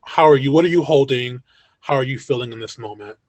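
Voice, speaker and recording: A man's voice: medium pitch, fairly quick, a little mellow, no echo. A man moderating a video-call panel discussion, talking in a reflective, affirming way.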